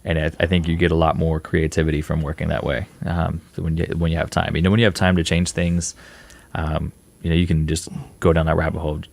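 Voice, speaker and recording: A young man being interviewed as a filmmaker guest, answering in a relaxed, rambling way with fillers. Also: rumbling low, fast, vocal fry, no room sound.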